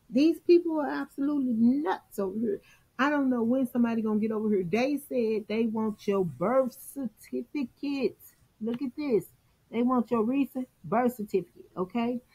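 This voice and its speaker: Woman, casual screen-share commentary, husky voice, warm and mellow tone. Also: mid-range voice, rough recording. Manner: exasperated, talks straight to viewers. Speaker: vlogger and salon coach.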